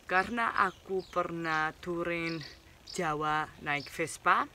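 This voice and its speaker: A man's voice: fairly high pitch, takes it slowly, sharp tone, a little hiss or hum. A man from Spain, a native Spanish and Basque speaker, talks casually to viewers as a foreigner speaking Indonesian with a mixed foreign accent and informal slang. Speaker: vlogger. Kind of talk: casual vlog talk to viewers.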